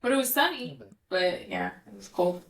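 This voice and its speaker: A woman's voice: fairly low pitch, very animated, moderate pace, gravelly. A talkative young woman tells a travel story in a loose, friendly chat, stringing her thoughts together with plenty of filler words. She sits a little away from the microphone, so her voice sounds distant. The room adds a noticeable echo around her. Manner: chatty, full of "like" fillers, storytelling. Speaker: podcast co-host. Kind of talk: casual chat. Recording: roomy sound from away from the mic.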